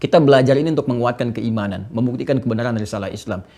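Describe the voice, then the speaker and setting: Fast-talking, gravelly male preacher. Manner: animated, jumps high in pitch with laughs and asides. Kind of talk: lively religious lecture.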